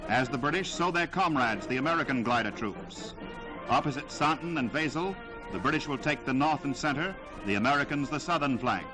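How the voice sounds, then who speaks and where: A man's voice: medium pitch, expressive, a little fast, poor audio. A man narrating a 1940s wartime newsreel in a dramatic, declamatory delivery, heard on an old newsreel soundtrack. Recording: loud music score underneath.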